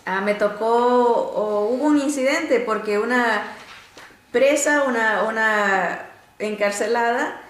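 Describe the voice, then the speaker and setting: A woman teaching a Bible lesson through stories, animated and often pausing on "este" and restarts. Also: roomy sound. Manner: animated storytelling, often rising in pitch to act out quotes; frequent filler "este" and restarts.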